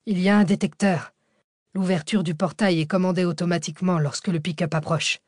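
A woman's voice: on the low side, fairly even intonation, brisk, a little mellow, no room sound, clean studio sound, lightly acted. A woman reading an audiobook, voicing a terse, sardonic male fugitive behind the wheel. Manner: terse, clipped replies. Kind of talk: audiobook character voice.

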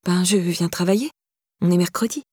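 A woman voicing a young woman in trouble, pleading and defensive, pitched higher than her narration. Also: normal speed, darkish tone, slightly rough, no room sound, studio quality.

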